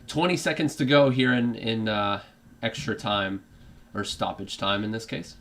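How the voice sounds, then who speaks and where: Low-voiced man doing live match commentary. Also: steady tone, a little slow, fairly bright tone. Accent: put-on British. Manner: rambling, many fillers and restarts, drifts off topic. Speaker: fan streaming a live match reaction. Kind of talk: live football reaction commentary.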